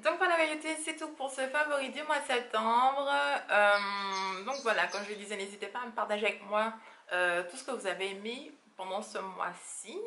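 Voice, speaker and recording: A woman's voice: medium pitch, fairly quick, sharp tone, echoey room, slight background noise. A woman chatting casually as a beauty vlogger, rambling with frequent fillers and laughs. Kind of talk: casual monthly favorites vlog.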